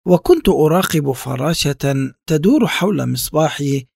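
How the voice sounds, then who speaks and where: A man reading a reflective first-person literary text in a measured, contemplative way. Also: fairly high pitch, animated, gravelly, a little mellow, husky, no room sound, studio quality. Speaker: narrator.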